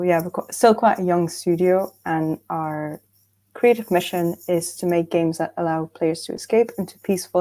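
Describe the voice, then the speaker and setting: Low, mellow-voiced woman. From Belgium. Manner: relaxed, hesitant with frequent fillers. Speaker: game studio founder presenting. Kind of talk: casual conference presentation. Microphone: video call.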